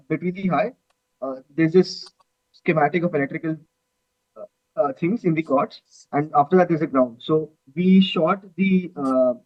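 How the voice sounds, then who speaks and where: A hesitant young man from India explains a technical design, filling pauses with many fillers and sitting a little high in pitch. His volume is uneven, swelling and sinking as it cuts in and out. The audio comes through a dull, muffled, garbled video call. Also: no echo. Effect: uneven volume, cutting in and out. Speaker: student rocket team member.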